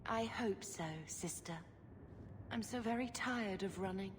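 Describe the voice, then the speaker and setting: An actress playing a gentle, earnest young mage, a devoted younger sister, in a video game. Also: female voice, medium pitch, a little slow, slight background noise, lightly acted. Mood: tender. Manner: earnest, wistful. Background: game music.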